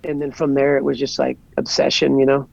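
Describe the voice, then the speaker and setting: A man's voice: mid-range voice, completely flat delivery, fairly quick, vocal fry, no room sound, dull audio. A man in his forties from Southern California, a guest chatting casually and rambling easily with lots of "like". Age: 40s. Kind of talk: casual podcast chat.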